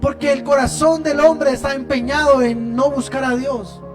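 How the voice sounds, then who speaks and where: A man preaching a sermon, impassioned, moving between loud emphasis and hushed lines. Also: extremely high pitch, level tone, moderate pace, over music. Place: church service.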